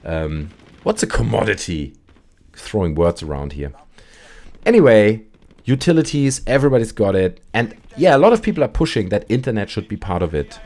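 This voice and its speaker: A man's voice: lowish voice, very animated, normal speed, a little mellow. A man in his thirties with a German accent, German-born, hosting a call-in show and chatting while playing a video game, often breaking off mid-sentence to react to the game.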